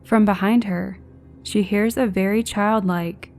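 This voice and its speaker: A woman calmly narrating a scary true-encounter story in a measured, scripted way. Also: mid-range voice. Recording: faint background music.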